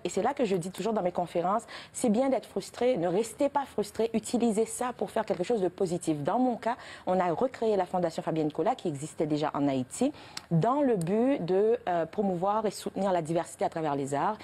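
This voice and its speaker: A woman in her thirties with a Haitian French accent, talking as the guest of a television interview. Her voice is warm and mellow. She speaks earnestly and restarts her sentences often, with many fillers. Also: medium pitch, expressive, a little fast. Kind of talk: TV interview answers.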